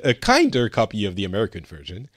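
A man's voice: on the low side, huge pitch swings, rapid-fire, no echo, clean studio sound. A man from France hosting a casual news podcast, talking with lots of fillers and restarts. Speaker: host.

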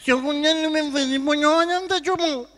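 Comic putting on a nasal, stubborn man, Cape Verdean accent, high bright voice, long hall echo. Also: fairly even intonation, normal speed.

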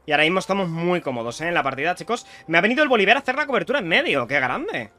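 A young man from Spain with a Spanish accent, chatting excitedly to viewers while commentating his own gameplay. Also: sits high, very fast. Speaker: streamer playing a video game.

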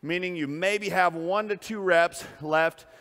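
A man's voice: sits high, unhurried, a bit bright, long reverb tail. Winded, pumped-up male fitness trainer. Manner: upbeat, pumped-up coaching with breathy exhales. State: out of breath. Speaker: personal trainer. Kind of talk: workout coaching while lifting. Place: gym.

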